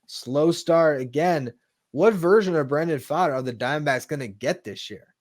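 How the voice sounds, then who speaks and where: A man's voice: fairly high pitch, lively intonation, moderate pace, no echo. Conversational man, dry studio sound. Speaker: podcast co-host. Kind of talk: casual sports talk.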